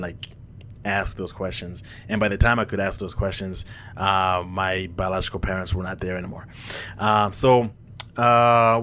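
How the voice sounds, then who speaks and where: A man in his twenties, born in Rwanda and raised in Mozambique, hosting a casual solo podcast, halting with many fillers and restarts. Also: on the low side, fairly bright tone, a little hiss or hum. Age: 20s. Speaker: podcast host. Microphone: headphones on, podcast mic.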